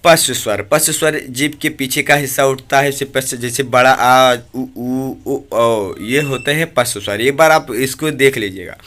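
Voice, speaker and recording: A man's voice: mid-range voice, moderate pace, hardly any pauses, fairly bright tone. A man teaching an exam-prep grammar lesson, asking questions and answering them himself while drawing out vowel sounds to demonstrate. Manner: drills with repeated questions and answers.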